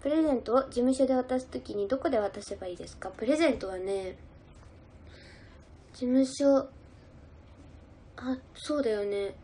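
A woman's voice: fairly high pitch, moderate pace, long pauses, warm tone, breathy edge. A young woman idol chatting casually on a livestream, giggling as she reads out and answers viewer comments. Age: young adult.

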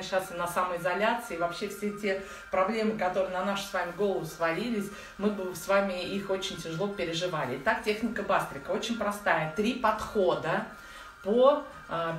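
A woman's voice: fairly low pitch, a bit bright. A woman in her forties giving informal, chatty breathing instruction to beginners, using affectionate diminutives. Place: living room at home, indoors. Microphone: phone or camera set a little way off. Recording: echoey room, distant mic, faint noise.

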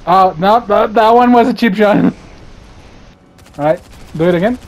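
A man bantering during a game, loud and excitable, cursing often and switching between English and Spanish. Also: high-pitched, unhurried, lo-fi sound. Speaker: gaming streamer. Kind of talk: casual gaming banter.

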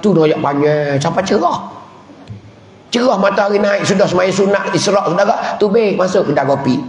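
Patani malay guy preaching in a mosque, kinda high voice, big echoey hall, tells stories and chants bits. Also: animated, moderate pace. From southern Thailand. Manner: storytelling with chanted prayers and chuckles. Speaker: religious teacher. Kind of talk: village mosque sermon.

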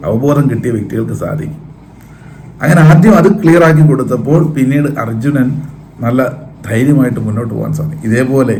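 Man giving a mellow mind talk. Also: medium pitch, a little hiss or hum. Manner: asks his own questions and answers them, with fillers. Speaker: counsellor and trainer. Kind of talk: spoken talk on the mind and the Bhagavad Gita.

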